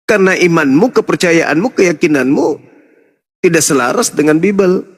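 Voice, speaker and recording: A man's voice: on the high side, lively intonation, normal speed, husky, long reverb tail. A man debating heatedly over religion, lecturing in long repeated runs and mocking his opponent.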